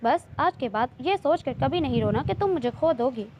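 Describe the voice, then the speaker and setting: A teasing, loving young man from a romance novel, read aloud by a woman. He talks playfully and keeps pressing his point. The voice is fairly high, with a faint hiss of background noise. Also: lively intonation, normal speed, highs cut off. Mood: teasing, tender. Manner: playful, coaxing, insistent.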